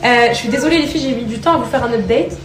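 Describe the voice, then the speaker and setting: Woman, mother, tender and chatty, slightly high voice, roomy sound, noisy, away from the mic. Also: racing, far from the mic, over music. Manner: tender, heaps pet names on her children; chatty, addresses her followers as girls. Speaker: mother and vlogger. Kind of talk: casual vlog talk.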